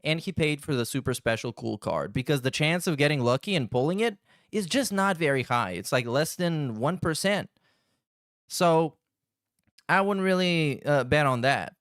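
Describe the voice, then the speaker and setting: Clear-voiced man, crude casual commentary. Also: on the high side, expressive, moderate pace, a bit bright, no echo, studio quality. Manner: crude, slangy, sardonic. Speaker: podcast host and commentator.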